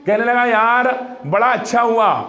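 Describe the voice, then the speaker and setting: High-voiced male preacher in echoey room. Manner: animated storytelling, acting out dialogue, calling for reflection. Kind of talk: storytelling sermon. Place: religious gathering with audience.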